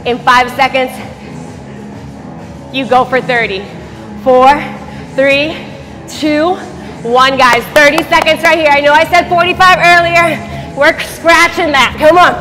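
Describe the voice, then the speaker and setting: A woman with a high voice leads an energetic exercise class. She barks short, urgent commands like a gym coach, pushing people on. The sound rings around a large studio, with faint music behind her. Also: slow pace, pauses often. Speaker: fitness instructor. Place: large empty dance studio, indoors. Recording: echoey studio hall, distant mic, faint music.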